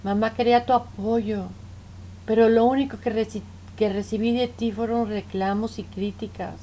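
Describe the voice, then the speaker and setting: A woman's voice: a little high, steady tone, moderate pace, mellow, a little hiss or hum, close to an everyday voice. A woman voicing a wounded daughter, pleading. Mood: reproachful. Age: middle-aged. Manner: pleading, reproachful, repeats "mamá". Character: hurt adult woman reproaching her parents.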